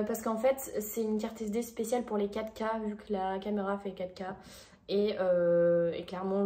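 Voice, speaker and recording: A woman's voice: medium pitch, darkish tone. A young woman from France chatting casually as she unboxes a new camera, rambling with many fillers. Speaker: vlogger.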